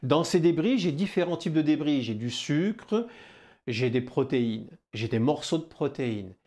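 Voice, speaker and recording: A man with a southwestern French accent teaching biology in a lively video lesson, talking straight to the viewer and answering his own questions. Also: a little high, normal speed. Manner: animated, addresses the viewer as "kid", rhetorical questions.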